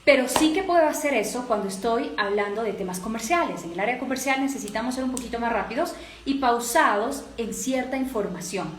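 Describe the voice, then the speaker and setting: A woman's voice: fairly high pitch, lively intonation, a little fast, a little hiss or hum. A woman with a Latin American Spanish accent teaching a voice course, explaining step by step and often checking that listeners follow. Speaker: voice and speaking coach. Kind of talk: instructive course lecture. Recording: echoey room.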